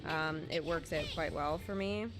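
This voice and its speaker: A woman with a low-pitched voice streams a game live, giving play-by-play commentary at a moderate pace and chatting casually with viewers, tossing in informal exclamations. Video game music plays in the background, and the recording is rough.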